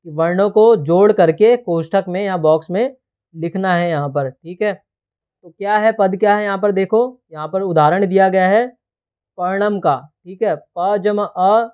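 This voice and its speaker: A man's voice: high-pitched, a little mellow, clean tone. A man teaching a textbook lesson, explaining words one by one and checking in often with "theek hai". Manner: explains terms slowly word by word.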